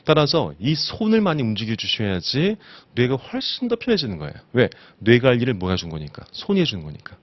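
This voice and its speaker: A man's voice: mid-range voice, wildly swooping pitch, a little fast, few pauses, no room sound, lo-fi sound. A man teaching an exam-prep lecture, constantly asking his students rhetorical questions. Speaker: instructor.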